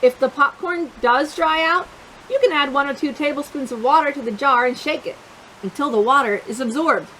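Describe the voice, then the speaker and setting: Her high-pitched voice moves at normal speed as she reads a picture book to kids, drawing out important words with emphatic expression and slipping in small asides to her audience. There's some hiss or hum, and the audio quality is poor.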